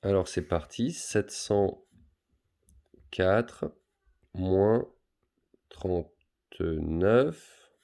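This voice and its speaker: A male teacher works through a subtraction problem for his pupils, pausing on fillers as he goes. His voice sits low and has a gravelly edge. His manner is patient and step-by-step. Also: animated, dark tone. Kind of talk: math lesson for pupils, explaining on a board.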